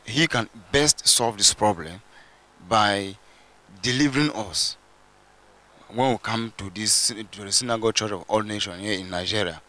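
A man's voice: fairly low pitch, moderate pace, sharp tone. A young man from Cameroon giving an earnest church testimony with hesitations, speaking into a handheld mic on a large indoor stage.

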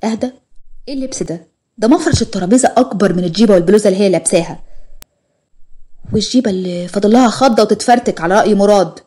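A woman's voice: mid-range voice, very fast, long pauses, warm tone, slightly rough, close to an everyday voice. A woman with an Egyptian accent voicing a jealous young wife who scolds sarcastically. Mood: scolding. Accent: Egyptian Arabic.

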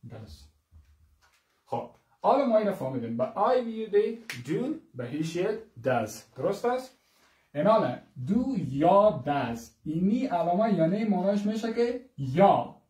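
A man teaching English grammar, repeating example sentences slowly and asking the class rhetorical questions. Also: high voice, dark tone, roomy sound, far from the mic. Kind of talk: grammar lesson.

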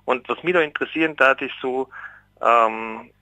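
A man's voice heard down a landline telephone line, very bright and sharp in tone. He talks eagerly, feeling for his words with small fillers. The sound is dry, with no room around it. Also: medium pitch, moderate pace, no echo. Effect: voice over a landline telephone line. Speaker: radio call-in caller. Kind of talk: casual call-in question. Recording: voice over a phone line.

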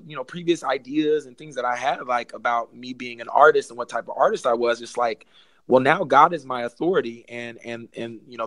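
A man's voice: mid-range voice, no echo. A young man, a gospel singer, talking earnestly on a podcast about faith and sharing his story. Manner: earnest, preachy, addresses listeners as y'all. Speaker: podcast guest, gospel artist. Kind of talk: casual testimony chat.

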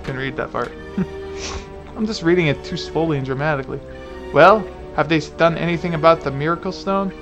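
A man's voice: fairly high pitch, fairly quick, over music. A man doing casual, goofy, irreverent commentary on a video game and reading its text aloud dramatically.

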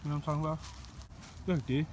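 A young person chatting casually while exploring a beach outdoors, excitable and slipping into a country drawl. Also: medium pitch, very fast, a little hiss or hum. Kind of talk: casual vlog chat.

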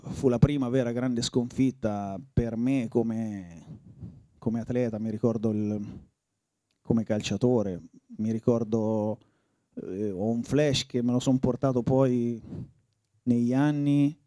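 Italian man in his forties, very dark mellow low voice, dry close sound, halting reflective storyteller. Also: steady tone, no echo. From Italy. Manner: reflective, halting, often restarts phrases. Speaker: former footballer. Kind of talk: reminiscing interview.

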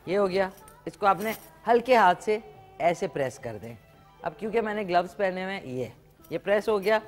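Chatty woman hosting a cooking segment. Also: lowish voice. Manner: chatty, animated, with frequent exclamations. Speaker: morning show host. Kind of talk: live cooking demonstration chat. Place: TV studio kitchen set.

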